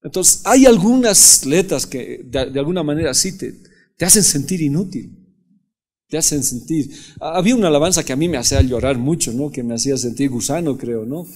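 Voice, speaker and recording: A man's voice: fairly high pitch, expressive, brisk, darkish tone. A male pastor giving a Bible-study sermon in a conversational way, often asking his listeners rhetorical questions.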